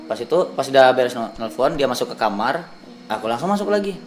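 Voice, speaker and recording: A man's voice: mid-range voice, fairly quick. Young Indonesian man telling a ghost story. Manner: animated storyteller, acts out quoted voices. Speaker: vlogger. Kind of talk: casual storytelling.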